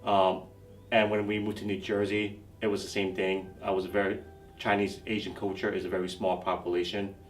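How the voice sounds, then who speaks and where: Brief: hesitant sergeant, low monotone, distant mic, light music. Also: male voice, a little fast. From New York. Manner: hesitant, many ums. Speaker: army sergeant first class. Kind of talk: interview testimony.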